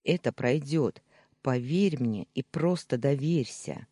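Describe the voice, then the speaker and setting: Young man pleading read by a narrator; husky, slow, animated delivery, dry booth. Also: medium pitch, no echo. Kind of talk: audiobook character reading.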